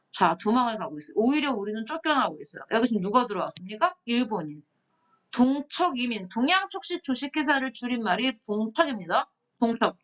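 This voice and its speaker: Lively woman teaching history. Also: fairly high pitch. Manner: lively, asks students questions, reads captions aloud. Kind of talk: online lecture.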